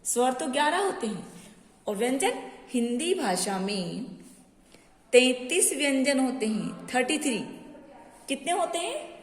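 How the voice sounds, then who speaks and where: Woman teacher, drilling a class, somewhat high voice, long reverb. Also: very animated. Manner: repeats each definition slowly, drills letters one by one; mixes English words into Hindi. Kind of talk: recorded online grammar lesson. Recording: echoey room with long reverb.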